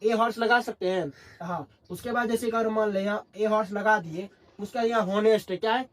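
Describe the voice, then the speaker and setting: A man's voice: high-pitched, steady tone, fairly quick. Male tutor, call-and-response classroom delivery. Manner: constantly asks and answers his own questions. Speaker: English grammar teacher. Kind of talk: classroom lesson in Hindi.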